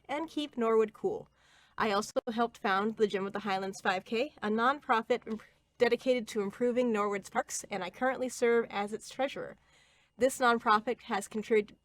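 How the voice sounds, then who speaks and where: Speaking in a fairly high voice, an Ohio woman in her thirties reads a prepared statement for her city council campaign. Her delivery is earnest and steady, though she makes small slips.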